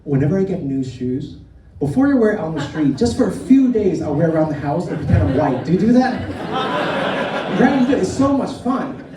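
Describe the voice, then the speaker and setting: The comedian, born in Vietnam, keeps a brisk pace in a sing-song, mid-range voice while doing live stand-up, poking fun at the crowd and speaking to them directly. Recorded from afar in a roomy club, audience noise comes through.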